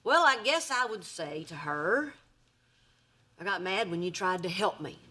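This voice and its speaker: An actress playing a sarcastic, quick-witted middle-aged mother in a sitcom. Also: lowish voice, expressive, pushed and bright, breathy edge, exaggerated voice. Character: wry, sharp-tongued woman, middle-aged mother. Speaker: sitcom lead. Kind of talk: sitcom acting.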